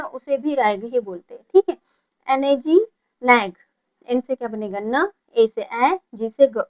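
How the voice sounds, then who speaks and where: A woman's voice: high voice, muffled recording. A woman teaching a beginner phonics lesson, spelling out each word letter by letter, repeating it, and answering her own questions. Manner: asks questions then answers them herself. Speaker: English teacher.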